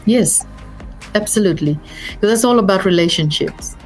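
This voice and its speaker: A woman's voice: mid-range voice, moderate pace, soft background music. A middle-aged woman from Fiji with a Fijian accent, a business advisor speaking earnestly as a guest, often repeating and restarting her words. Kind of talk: interview conversation.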